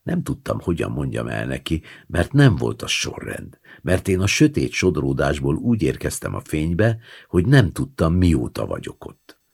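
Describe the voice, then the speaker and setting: A man reading a literary short story aloud in a measured, hushed way, at times dropping to a whisper. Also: rumbling low, huge pitch swings, creaky, husky. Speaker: audiobook reader.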